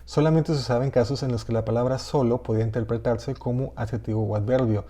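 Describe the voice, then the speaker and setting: A man's voice: medium pitch, steady tone, fast talker, mellow. A man teaching a pre-recorded spelling and grammar lesson, reading example sentences aloud as he explains. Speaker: writing workshop instructor.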